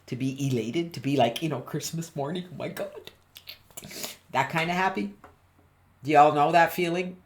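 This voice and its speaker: A woman business coach giving a live online training, animated and constantly quizzing her listeners. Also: sits low, moderate pace. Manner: animated, keeps quizzing the audience. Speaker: business coach presenting a webinar.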